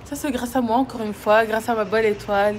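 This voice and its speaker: A woman's voice: a little high, fairly even intonation, fast, a little hiss or hum. A young woman, chatting playfully in a casual vlog and slipping English words in. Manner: playful, mixes in English words, swings from loud teasing to quiet talk. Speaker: vlogger.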